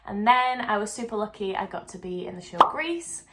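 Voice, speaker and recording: A woman's voice: mid-range voice, expressive, normal speed, fairly bright tone, rough recording. A young woman, a dancer and choreographer answering viewer questions in a chatty, upbeat vlog and laughing often. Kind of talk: casual Q&A vlog.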